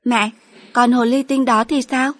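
A woman's voice: a little high, steady tone, a little slow, no echo, voice pushed up. A woman voicing a small, earnest and tender girl in an audiobook, with a sweet, pleading childlike voice. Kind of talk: audiobook character voice.

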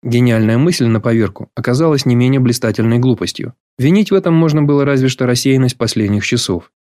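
A man reading a novel aloud as an audiobook narrator, in a measured, even storytelling manner. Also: medium pitch, no room sound, clean studio sound. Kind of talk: scripted literary narration.

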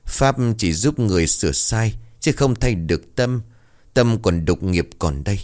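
A man voicing a calm middle-aged male ritual master who speaks prayers in a solemn, measured way. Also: lowish voice.

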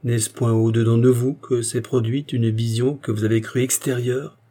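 A man's voice: mid-range voice, flat delivery, normal speed, dark tone, natural voice. A man voicing an old male Dominican hermit priest with a solemn, fatherly preaching manner. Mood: gentle preaching.

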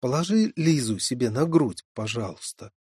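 A man's voice: mid-range voice, expressive, darkish tone, slightly rough, no echo, clean studio sound. A man reading an audiobook, voicing a teasing, carefree young hippie woman in a raised voice. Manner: teasing, quick and flippant.

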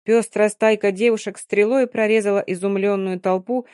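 An audiobook narrator reading prose in a measured, expressive way. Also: mid-range voice, clean tone, dry recording, studio quality. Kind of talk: scripted narration.

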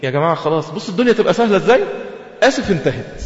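A man with an Egyptian accent preaching a sermon, lively and asking his audience rhetorical questions. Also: on the high side, rapid-fire. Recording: echoey hall, dull lo-fi sound.

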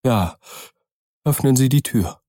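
A man's voice: medium pitch, lively intonation, takes it slowly, dark tone, no echo, clean studio sound, pitched above the performer's own voice. A man voicing a frightened, trembling old male servant who speaks in an agitated, pleading way. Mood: fearful.

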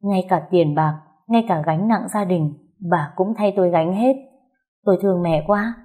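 A woman narrating a first-person family story in a calm, heartfelt way. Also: on the low side, moderate pace.

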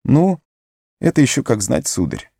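A man's voice: very animated, normal speed, vocal fry, dark tone, husky, dry recording, studio quality, full character voice. A man voicing a loyal, fretful young male hobbit servant in an audiobook, pleading and tearful in a raised voice. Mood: stubborn. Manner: high pleading, sobbing, breathless. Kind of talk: audiobook character voice.

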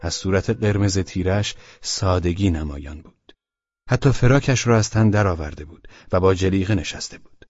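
A man narrating an audiobook in an expressive storytelling manner. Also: sits low, no echo, dull audio, soft background music. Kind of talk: scripted narration.

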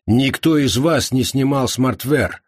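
A man voicing a calm, broad-shouldered man who speaks unhurried and slightly haughty. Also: mid-range voice, breathy edge, no room sound, studio quality, voice pushed up. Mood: cool.

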